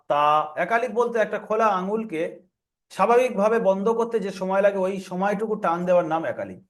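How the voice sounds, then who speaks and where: Quick, high-voiced man teaching Quran reading. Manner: explains rules, then drills letter sounds aloud in a repeating chant. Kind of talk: step-by-step tutorial lesson.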